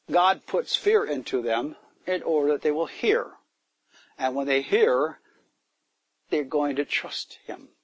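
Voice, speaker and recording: A man with a fairly high, fairly bright voice preaches a sermon at a church gathering in the woods. He rises into emphatic bursts and poses questions to the congregation, and there is no room sound.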